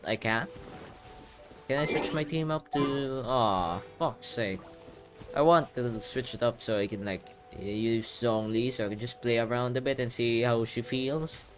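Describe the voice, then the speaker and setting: A man with a medium-pitched voice records himself playing a video game, offering casual, sarcastic, profane commentary at a measured pace. Game music plays behind his voice.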